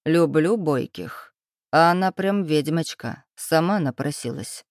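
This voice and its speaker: A woman's voice: deep voice, measured pace, darkish tone, no echo, studio quality. A woman voicing a mocking young male thug who teases with a smug, drawling manner.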